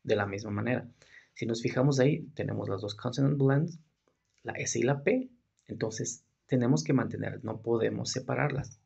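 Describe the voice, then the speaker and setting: A man's voice: medium pitch, moderate pace, a little mellow, dull audio. A man teaching English in Spanish, explaining step by step and asking rhetorical questions as he goes. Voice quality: very husky and gravelly. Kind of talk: explaining a grammar lesson.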